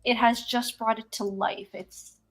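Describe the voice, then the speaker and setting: A woman chatting casually about her artwork in a halting, self-interrupting way, sounding distant from the microphone. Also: a little high, fairly even intonation, a bit bright. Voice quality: distant-sounding, away from the mic. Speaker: artist and show host. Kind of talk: casual chat while showing artwork. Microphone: speaker sitting far from the microphone.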